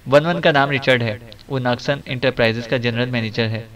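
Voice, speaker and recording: A man's voice: mid-range voice, a little fast, fairly bright tone, distant mic, lo-fi sound, natural voice. A man voicing a terrified male crime boss under torture, who stammers and pleads, read for an audiobook. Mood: rattling off.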